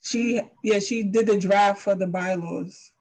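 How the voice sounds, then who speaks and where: A woman on a video call, her voice echoing and garbled into a robotic sound by a second device, halting as she searches for words. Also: mid-range voice, steady tone, a little mellow. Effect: echoing, robotic audio from a second device. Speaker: council subcommittee member. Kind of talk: video-call meeting chat.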